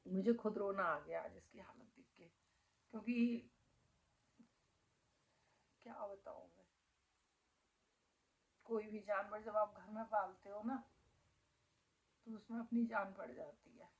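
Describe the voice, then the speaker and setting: A middle-aged family vlogger speaks slowly and steadily in a mid-range voice, pausing often, over rough audio. Sitting indoors at home, she chats casually to viewers, growing emotional and doting as she describes her dog.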